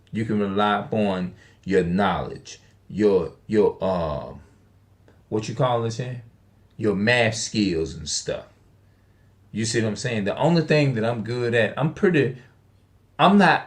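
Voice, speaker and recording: A man in his forties with a fairly low voice talks straight through an unplanned monologue. He presses his points with rhetorical questions and repeats himself, stumbling and restarting as he goes. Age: 40s. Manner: repetitive, emphatic, rhetorical questions. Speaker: online video speaker. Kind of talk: unscripted monologue.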